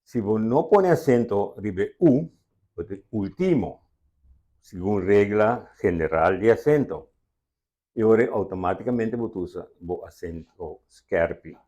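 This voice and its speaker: A man's voice: on the low side, expressive, unhurried, mellow. A man with a Curaçaoan accent, a language expert patiently explaining spelling rules step by step in an interview.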